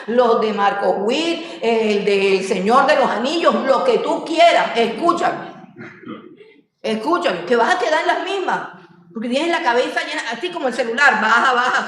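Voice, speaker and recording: Woman, Bible class teacher, lively, laughing asides, fairly high voice, heavy room echo. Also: distant mic. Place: church classroom. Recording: very echoey room.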